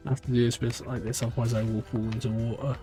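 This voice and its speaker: Speaking quickly at a medium pitch with a level, mellow tone, this British man streams a speedrun live, chatting and thinking out loud. His accent shifts between regions of Britain, and faint music plays behind him.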